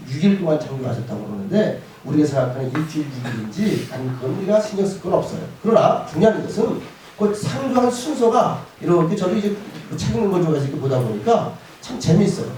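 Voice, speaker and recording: A male pastor giving a lively sermon to students in a school chapel, often asking them questions. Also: on the high side, a little hiss or hum. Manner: lively, asks the audience questions. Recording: echoey hall from far off.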